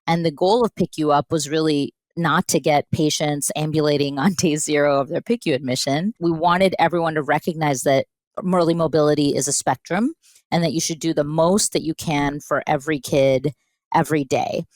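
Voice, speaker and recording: A woman with a low, deep-set voice talks through a podcast interview as a guest physician. She tells her story in a lively, animated way, slipping into quoted dialogue. The sound is dry and close, with no room behind her. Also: normal speed, no room sound. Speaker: pediatric intensivist guest.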